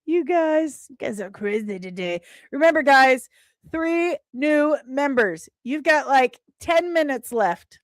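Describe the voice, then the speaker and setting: This woman's high, lively voice moves slowly through a casual entertainment livestream she hosts, recorded dry with studio quality. She chats about entertainment news in a playful, teasing way, often repeating phrases for emphasis.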